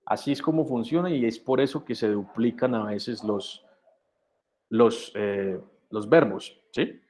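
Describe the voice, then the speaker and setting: A male teacher runs an English lesson over a video call. He talks slowly and patiently, with a mid-range voice. He switches between English and Spanish as he explains. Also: medium pitch, a little mellow. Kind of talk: online class, bilingual teaching. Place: video conference.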